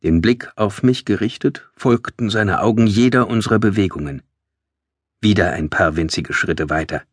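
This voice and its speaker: Male narrator, low husky voice, dry close studio sound, tense measured delivery. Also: no echo. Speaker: audiobook narrator. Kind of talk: scripted first-person audiobook narration. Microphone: close studio mic.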